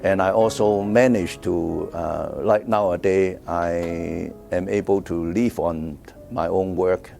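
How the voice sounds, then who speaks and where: With a low, steady, gravelly voice, the older Hong Kong artist speaks slowly and with few pauses about his own art. His Hong Kong English-accented interview answers still stumble through many fillers and repeated words, set against soft guitar music.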